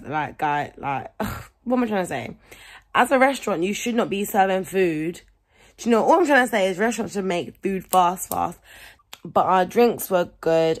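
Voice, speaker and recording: A young woman, chatting casually and rambling to camera in a vlog, often correcting herself. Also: on the low side. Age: young adult. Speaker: vlogger. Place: at home.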